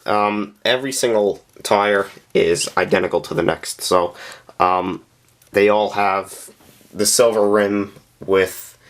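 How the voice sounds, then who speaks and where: A man narrating a casual, unscripted review of a scale model, speaking plainly with frequent pauses and filler sounds. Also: on the low side, creaky. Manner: plain-spoken and candid.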